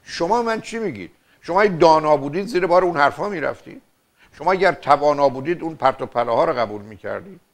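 A man's voice: fairly high pitch, animated. An older man hosting a call-in advice show as a family therapist, lecturing insistently with rhetorical questions. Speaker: radio and TV family therapist host.

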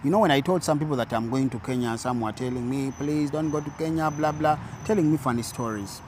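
A man's voice: mid-range voice, fast. A young man with a Ugandan East African accent, hosting a playful, casual interview on a lapel mic outdoors. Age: young adult. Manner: playful, animated. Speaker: interviewer, host. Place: park outdoors by a road. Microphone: clip-on lapel mic. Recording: outdoor ambience with vehicle noise.

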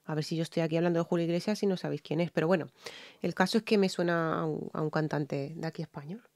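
A woman with a Spain Spanish accent chats through a reaction video as a singer analysing a song. Her voice sits fairly low, and she explains vocal technique loosely, with plenty of fillers and restarts. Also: fairly even intonation, fast talker, a little mellow. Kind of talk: casual reaction commentary.

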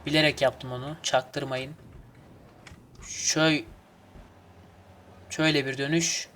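A man casually commenting on his game as he plays, excitable and swearing at the traffic. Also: medium pitch, slow pace. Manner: excitable, swears and grumbles at traffic, hums snatches of folk song. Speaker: gaming channel host. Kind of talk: casual let's play commentary.

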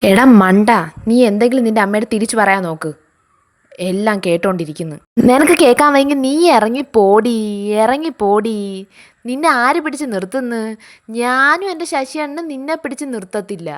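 Woman playing a shrill bossy mother-in-law. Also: brisk, close to an everyday voice. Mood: scolding. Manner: shrill, scolding, domineering. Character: bossy scolding middle-aged mother-in-law. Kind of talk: comedy sketch acting.

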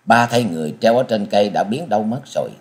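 Expressive male martial-arts story narrator. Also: lowish voice, fast. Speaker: audiobook reader.

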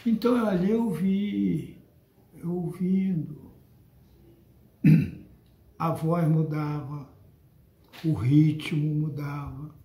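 A man's voice: a little high, very slow, creaky, long pauses, dark tone, echoey room. An older man with a Brazilian Portuguese accent lectures his followers on a spiritual book in an emphatic, scolding tone. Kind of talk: monologue addressed to followers.

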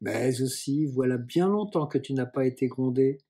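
A man voicing a kind, gently scolding young girl in a storybook reading. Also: mid-range voice, normal speed, breathy edge, natural voice. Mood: tender.

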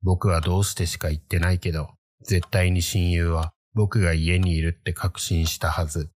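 Very deep-voiced man telling a ghost story. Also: little pitch movement, moderate pace, darkish tone, a little hiss or hum. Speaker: horror story narrator. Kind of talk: first-person ghost story narration in character.

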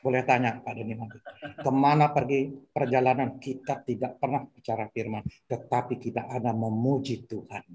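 A man's voice: medium pitch, steady tone, moderate pace, darkish tone, a little hiss or hum. A minister in a church talk, a man with a mid-range voice. He speaks emphatically and keeps repeating his key points.

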